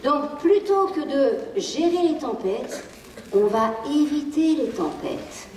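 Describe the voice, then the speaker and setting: Lively French woman lecturing in an echoey hall. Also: high-pitched, takes it slowly, a little hiss or hum. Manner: lively, playful, acts out quoted lines, laughs often. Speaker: speaker giving a public lecture on child emotions. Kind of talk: live conference talk. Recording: echoey hall, distant mic.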